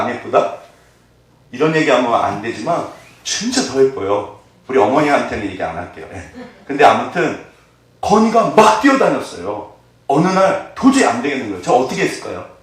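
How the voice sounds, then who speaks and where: A man's voice: medium pitch, a bit bright. A man, a pastor, preaching a sermon in a church and often putting questions to the congregation. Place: church sanctuary. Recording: echoey hall, far from the mic.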